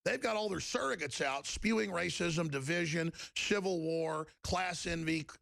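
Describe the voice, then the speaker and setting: A male talk radio host with a gravelly, fairly high voice tears through a fiery monologue. He talks fast and emphatically, pushing toward near-shouts. The sound is dry and close to the studio mic. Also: dry recording.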